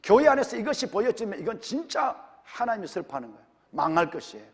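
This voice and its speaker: A man's voice: high-pitched, very animated, fast talker, gravelly, long reverb tail. A male senior pastor with a Gyeongsang accent, preaching a sermon and firing rhetorical questions at his congregation. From Gyeongsang region, Korea. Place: church sanctuary.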